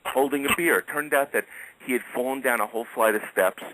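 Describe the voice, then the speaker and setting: A man's voice: mid-range voice, brisk, sharp tone, low-quality recording. A middle-aged man telling casual anecdotes as a radio guest, chatty and chuckling often.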